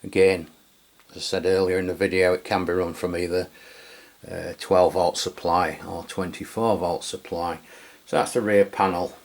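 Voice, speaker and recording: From his home radio room, an English man reviews a radio product in a casual, hesitant way packed with fillers. His voice sits low, with a level tone and moderate pace.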